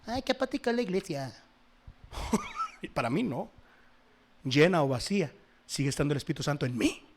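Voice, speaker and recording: A man preaching a sermon, his voice sitting a little high for a man. He swings from loud, emphatic exhortation to quieter, conversational asides to his congregation. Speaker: pastor.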